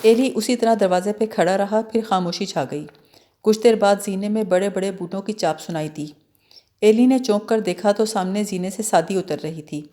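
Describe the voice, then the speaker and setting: A woman narrates a novel for an audiobook in a mellow, warm voice at a middling pitch. Her telling is expressive, and she slips into the characters' lines as she reads.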